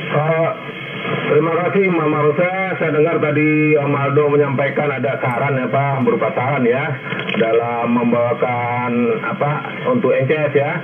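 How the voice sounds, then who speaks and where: A man on an amateur radio net, heard through a two-way radio, speaking formally and deliberately with many hesitant fillers. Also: medium pitch, little pitch movement. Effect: two-way radio transmission. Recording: tinny two-way radio with crowd noise.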